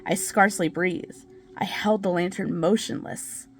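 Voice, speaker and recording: A woman's voice: on the low side, steady tone, measured pace, slight background noise. A woman playing a crazed, nervous murderer in a theatrical, hammy stage reading of a gothic horror story, drawing out words with obsessive intensity. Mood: agitated, insistent.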